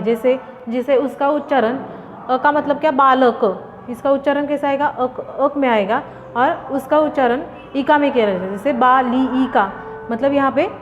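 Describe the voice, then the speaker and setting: A woman's voice: high voice, background noise. A woman teacher giving a grammar lesson, reading out example words and asking and answering her own questions. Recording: dull reverberant room recording.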